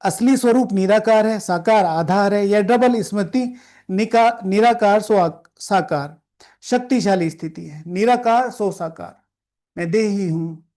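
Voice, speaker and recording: A spiritual teacher with a high, mellow, slightly slow voice explains a scripture reading, guiding listeners through reflection and meditation. Speaking Hindi, he mixes in English words and repeats key phrases for emphasis.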